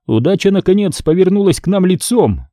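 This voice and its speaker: A man's voice: sits high, animated, brisk, warm tone, dry recording, pitched above the performer's own voice. A man voicing a stern male ship captain who speaks firmly and dryly, giving orders. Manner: firm, commanding, dry. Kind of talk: audiobook character reading.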